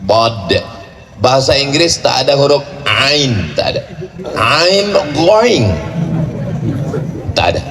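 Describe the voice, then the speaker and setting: A man preaching to a large gathering, playful and joking, rattling off rapid chanted recitation. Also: mid-range voice, expressive, a crowd in the background. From Indonesia. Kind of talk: sermon at a large religious gathering. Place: large outdoor or hall gathering at a boarding school. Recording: echoey venue with faint ambient noise.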